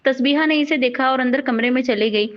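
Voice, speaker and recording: A woman reads a romantic novel aloud in a steady, even manner. Her voice sits high. The recording is dull and lo-fi. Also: a little fast. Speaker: narrator. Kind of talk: storybook novel narration.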